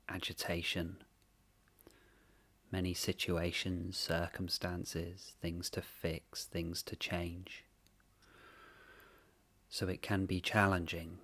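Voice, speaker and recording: A man with a deep voice leads a gentle, unhurried guided meditation, pausing at length between short phrases.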